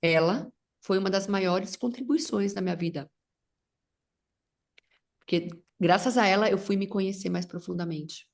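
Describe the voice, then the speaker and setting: A middle-aged woman whose first language is English speaks casually as a facilitator guest, rambling, restarting, and mixing in English words. Her mid-range voice is creaky and darkish, at a normal speed with long pauses.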